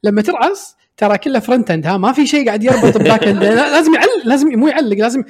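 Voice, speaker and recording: A young man with a Kuwaiti Arabic accent chats on a podcast, retelling a story with joking asides. His voice is high, and he talks very fast. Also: lively intonation, slightly rough. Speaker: podcast co-host. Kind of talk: casual chat.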